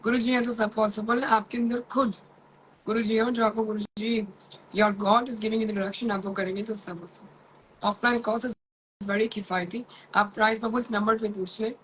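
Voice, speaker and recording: A middle-aged woman with an Indian accent, chatting live with her followers from a room at home, mixing Hindi and English with rushed asides. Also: a little high, steady tone, fairly bright tone, a little hiss or hum, poor audio. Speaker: makeup artist and academy owner. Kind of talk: live-stream chat to followers.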